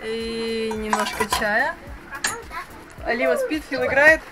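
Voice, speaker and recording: A woman's voice: fairly high pitch, slow, heavy background noise. A woman in her thirties, a sailing vlogger, chatting upbeat to a handheld camera on the deck of a yacht, with hesitant fillers. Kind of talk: casual vlog narration. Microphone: action camera held at arm's length. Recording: loud music under the voice. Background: loud music.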